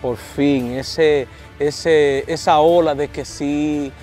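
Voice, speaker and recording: A man in his thirties with a Dominican accent, interviewing outdoors at a baseball field on a lapel mic, playful and animated. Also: on the high side, very slow, soft background music. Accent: Dominican Spanish. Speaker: sports reporter and host.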